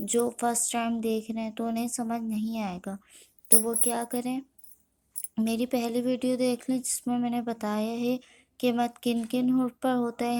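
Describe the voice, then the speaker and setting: A woman teaching a step-by-step Quran reading lesson, her tone warm and mellow and her pitch a little high. She speaks in an even, level way with little rise and fall. She moves from brisk explanations to slow, careful syllable-by-syllable drills.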